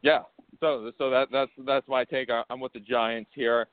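A man's voice: mid-range voice, fairly even intonation, normal speed, heavy background noise. A man co-hosting a sports talk show, hesitant and repeating words as he gives his picks. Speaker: sports radio co-host. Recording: phone-like line.

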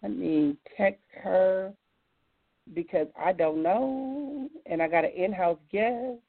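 A woman with a mid-range voice and an American accent takes her time as she hosts a casual live talk show and takes calls. She asks questions in an informal, folksy, chatty way, and the audio is thin and phone-like.

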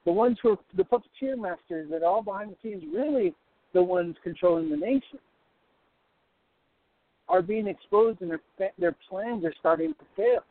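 Calling in while driving through the hills, a man preaches prophetically over a tinny, buzzy phone line that glitches and keeps breaking up. He exhorts fervently, speaking straight to the listener. His voice sits high, his pace is moderate, and there's no room sound.

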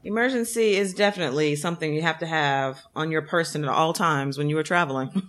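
A woman's voice: low-pitched, a little fast, a bit bright, soft background music. A woman hosting a podcast with casual interview chat and a playful, teasing way of talking. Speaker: podcast host.

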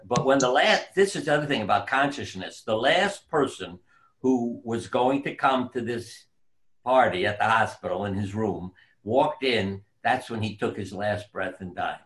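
Male surgeon guest, mid-pitched, reflective storyteller, easy unhurried delivery. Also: animated. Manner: unhurried, reflective, drifts into soft quiet tones. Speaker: surgeon and author, interview guest. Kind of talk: conversational storytelling.

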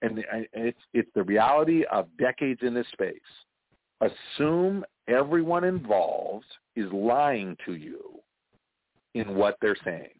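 A sing-song, medium-pitched voice that takes things slowly belongs to a Canadian franchise consultant being interviewed over a call. He's a chatty storyteller who jokes and laughs often. The recording is dry and the phone line tinny.

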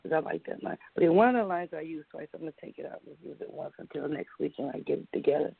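A woman's voice: deep voice, creaky, breathy edge, no room sound. Woman caller on a tin-can-sounding phone. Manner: halting, searching for words. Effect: tinny phone sound, like a tin can phone. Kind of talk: call-in poetry reading. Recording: tinny phone line.

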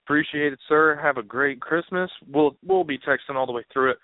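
An animated man calling into a sports podcast, who gets louder and more emphatic as he makes his points. His voice sits at an ordinary pitch. The line is dry and tinny, like a phone call. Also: a little fast, no echo. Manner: animated and emphatic, rising to a near shout. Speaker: guest analyst. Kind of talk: casual sports chat.

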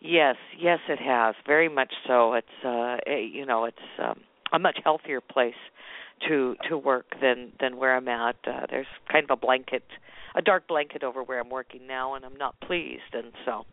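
A woman's voice: a bass voice, normal speed. A woman caller heard over a phone line, speaking hesitantly with many fillers. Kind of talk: call-in chat. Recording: tinny dry phone line.

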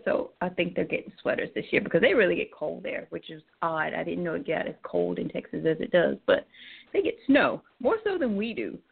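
A woman co-hosting in casual chat, with a hoarse, croaky frog voice as if she is losing it. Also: lowish voice. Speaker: co-host. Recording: tinny phone-line internet radio.

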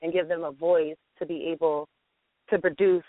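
A woman's voice: sits low, flat delivery, normal speed, no echo. A woman from a music platform's marketing team, talking over the phone in a radio interview, chatty and full of ums and fillers. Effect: heard over a phone line. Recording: tinny dry phone line.

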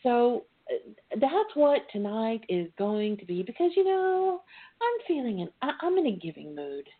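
A woman's voice: on the high side, very animated, measured pace. A woman hosting a call-in talk show in a chatty, playful, informal way. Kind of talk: casual chat. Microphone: phone line. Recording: tinny phone line with noise.

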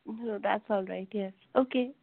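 Polite woman radio caller, short answers, gravelly tone through a tinny phone line. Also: mid-range voice, moderate pace, dry recording. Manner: polite, brief replies. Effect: phone-line caller audio. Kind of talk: casual call-in chat.

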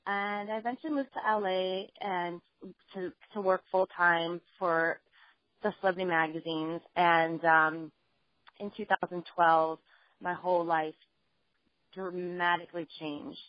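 A woman journalist and author, a guest in a phone interview, telling her life story in an earnest, steady way. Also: lowish voice, slow, no room sound. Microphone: phone line. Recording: dull lo-fi phone line.

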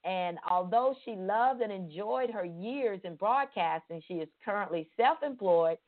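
A middle-aged podcast host from Pensacola, Florida conducts a faith-based interview, earnest and enthusiastic, often repeating words for emphasis. Her mid-range voice is expressive and a little slow, and the recording sounds tinny, like a phone.

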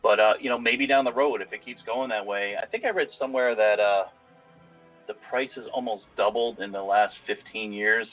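Nasal, low-voiced male podcast co-host, rambling chat over a tinny line. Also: steady tone, normal speed. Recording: phone-like lo-fi audio with faint music.

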